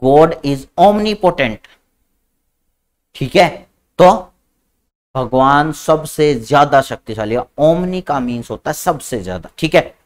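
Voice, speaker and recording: A man with an Indian English accent teaching an online biology lesson, his voice a touch high. He moves unhurriedly, stretching English terms word by word and checking in with his students affectionately as he goes. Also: lively intonation. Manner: calls students beta, drags out English terms slowly. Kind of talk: online class lecture.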